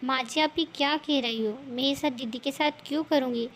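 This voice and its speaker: A woman voicing a gentle, put-upon young wife in a cartoon story. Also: high-pitched, steady tone, normal speed, a little hiss or hum. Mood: pleading. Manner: pleading, gentle.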